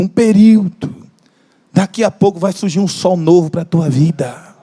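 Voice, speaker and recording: A man with a Brazilian Portuguese accent preaches an impassioned sermon, drawing out key phrases for emphasis and joking with the congregation. His voice is extremely high-pitched with a darkish tone, and the large church hall gives a long reverb.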